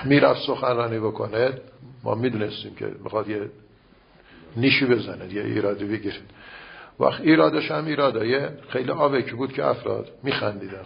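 An older man, a cleric, delivering a sermon in a conversational way, with repetition and anecdotes. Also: medium pitch. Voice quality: gravelly and raspy. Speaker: cleric preacher. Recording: dull lo-fi recording.

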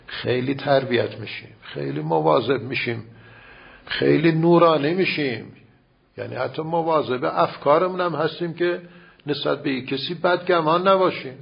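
An older man, a cleric, delivering a sermon in a conversational way, with repetition and anecdotes. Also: mid-range voice. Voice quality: gravelly and raspy. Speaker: cleric preacher. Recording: dull lo-fi recording.

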